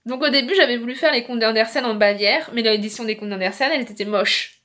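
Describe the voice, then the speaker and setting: Une jeune femme qui parle de ses livres face caméra, sur un ton décontracté, bavard et décousu, avec beaucoup d'hésitations. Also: female voice, fairly high pitch, fast talker, a bit bright. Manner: chatty, rambling, many fillers and restarts. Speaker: book vlogger. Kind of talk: casual chat to camera.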